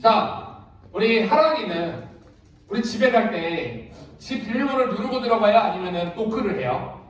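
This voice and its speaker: A man's voice: sits high, big pitch swings, moderate pace, slight background noise. A man, a youth ministry pastor, giving an interactive sermon to children at a church retreat, quizzing the kids and calling them by name. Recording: echoey hall, far from the mic, children's crowd.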